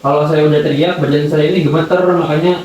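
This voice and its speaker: A man's voice: on the high side, fairly even intonation, quick pace, a little mellow, recorded from a distance, a little hiss or hum. A teenage boy playing a student in a counseling session, polite and earnest, adding a respectful title to his sentences. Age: teens. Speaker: student, class leader. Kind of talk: role-played counseling session. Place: classroom. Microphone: camera from a distance. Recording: echoey room recorded from afar.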